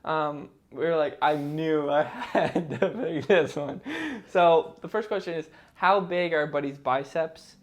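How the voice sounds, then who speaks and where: Brief: young male podcast co-host, higher-pitched, jokey and teasing, slangy. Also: measured pace, few pauses. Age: 20s. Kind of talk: casual chat. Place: indoor room, filmed by a cameraman.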